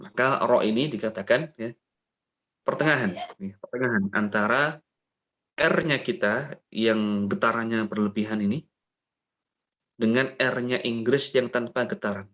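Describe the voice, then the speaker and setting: An Indonesian man teaching Quran recitation online, slowly repeating syllables to model how a sound is pronounced. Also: mid-range voice, a bit bright, lo-fi sound. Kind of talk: online tajweed lesson.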